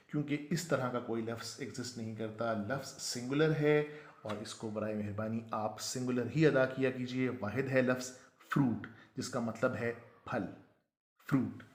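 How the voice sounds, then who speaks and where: A man teaching a pronunciation lesson, who slows right down to spell out each word. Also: mid-range voice, roomy sound. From Pakistan. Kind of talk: explanatory lesson.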